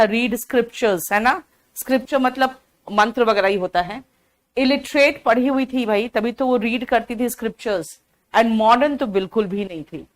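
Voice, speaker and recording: A woman teaching an online exam-prep class, chatty and drowsy from cold medicine, mixing English words into her talk and answering students by name. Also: fairly high pitch. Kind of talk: live online class, explaining an English comprehension passage.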